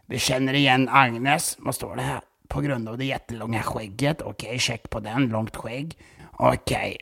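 A man's voice: mid-range voice, fairly even intonation, vocal fry, fairly bright tone, husky, no room sound, clean studio sound. A man voicing a nervous male vole in a children's story, hesitant and full of fillers.

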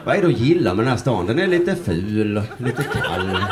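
A man's voice: medium pitch, sing-song, background noise. A man in his forties doing a stand-up comedy set on stage, rambling loosely, swearing and slipping into mock voices. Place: comedy stage before a laughing audience. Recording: live crowd laughter behind.

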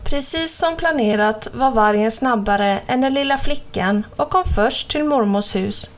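Female narrator, slightly high, clear storybook reading for children.

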